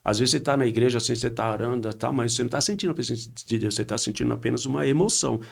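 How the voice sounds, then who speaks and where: A man, a pastor recounting a healing testimony on a podcast, acting out dialogue and rising in pitch as he gets excited. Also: very fast, vocal fry. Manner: animated retelling with quoted dialogue, rising pitch when excited.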